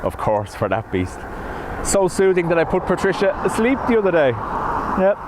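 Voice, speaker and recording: At a normal speed and in a high-pitched, sing-song voice, a man runs a live stream from a van outside by an airport. His wireless mic has a wind filter but still catches wind noise while he chats jokily, mocks himself, and reads out what viewers comment.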